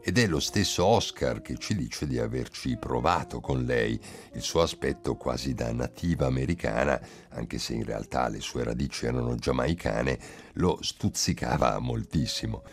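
Very deep-voiced male radio host. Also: expressive. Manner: measured, storytelling delivery. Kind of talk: scripted radio narration.

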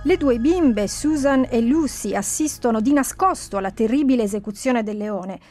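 A woman presenting a radio programme, explaining the story in a calm, scripted way. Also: fairly high pitch, normal speed, faint music behind.

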